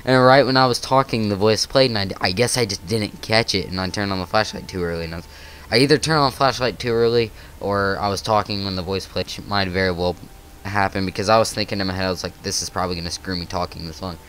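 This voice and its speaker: A man's voice: on the low side, fast, fairly bright tone, a little hiss or hum. A man hosting a gaming channel, giving let's play commentary as he thinks aloud with nervous exclamations.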